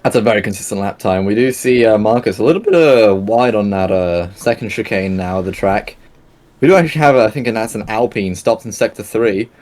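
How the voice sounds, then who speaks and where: A man's voice: lowish voice, brisk, darkish tone. A young man doing live sim racing commentary in a casual, rambling way, full of fillers and self-corrections. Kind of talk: live esports race commentary.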